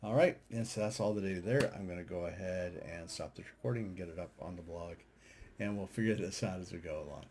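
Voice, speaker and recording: Speaking fast in a low, slightly mellow voice, this amateur radio operator and video host offers loose, unscripted remarks while screen-sharing data charts. He hesitates and thinks out loud, with a touch of background noise behind him.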